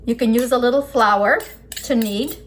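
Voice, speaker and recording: A woman's voice: a little high, normal speed. A woman giving a casual cooking demonstration as an instructor, explaining each step as she works with her hands. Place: indoors at a work table. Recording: clear background noise, kitchen ambience.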